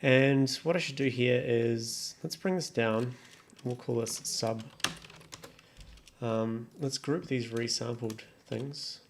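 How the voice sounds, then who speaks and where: The clicking of a mouse and the tap of keys come through clearly as a male music production tutorial creator talks to himself while working on his computer, casual and offhand. His medium-pitched voice stays steady and slow.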